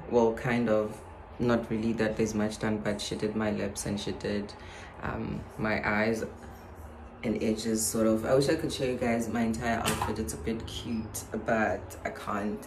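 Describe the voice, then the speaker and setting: A young woman chatting casually to her viewers as a vlogger, filming herself on a phone held at arm's length indoors. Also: a bass voice. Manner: chatty, addresses viewers as guys. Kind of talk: casual vlog chat to camera. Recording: roomy with loud background noise.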